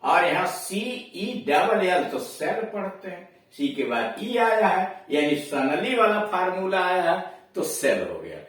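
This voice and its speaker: A man with a Hindi accent, teaching English pronunciation slowly in a classroom lesson, repeating each word as he explains it. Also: high-pitched, big pitch swings, fairly bright tone. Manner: slow, explanatory, repeats words for drilling. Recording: echoey room, voice far from mic.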